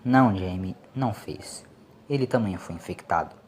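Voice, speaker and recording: A man voicing a calm, grave, commanding doctor adventurer in an audio story. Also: low voice, moderate pace, voice pushed down, close to an everyday voice. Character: calm, commanding male time-travelling doctor, quietly grave. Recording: clear background noise.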